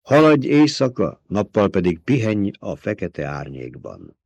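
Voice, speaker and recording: A man doing a young man on the run through a desert, with short, clipped lines. The voice stays low and hushed, with no room sound around it. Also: very animated, vocal fry, husky, dry recording, full character voice. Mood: calm. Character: young man fleeing across desert, urgent.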